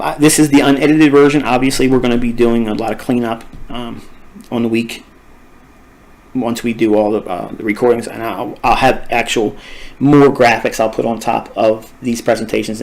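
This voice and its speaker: A man's voice: medium pitch, creaky, a little mellow, poor audio. A man teaching a recorded trading lesson, his voice tired and fading, talking in an emphatic, repetitive and rambling way. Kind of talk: recorded screen-share lesson.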